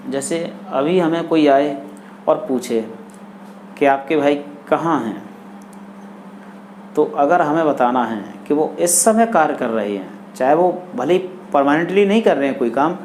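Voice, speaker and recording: A man gives an English grammar lesson in Hindi at a slow, unhurried pace. He repeats each example sentence carefully. A faint steady noise sits under the recording. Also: fairly high pitch. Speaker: English teacher.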